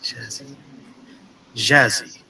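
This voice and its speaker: A man from the teaching a beginner English class over a video call, patient and clear, with a friendly welcoming manner. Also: mid-range voice, steady tone, extremely slow, noisy background. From United States, Minnesota. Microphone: video call headset or webcam mic.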